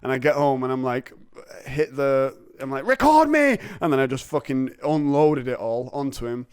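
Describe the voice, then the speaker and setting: Rambling, jokey man, smooth voice. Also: mid-range voice, flat delivery, moderate pace, a little mellow, no room sound, clean studio sound. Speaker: podcast host. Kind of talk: casual chat.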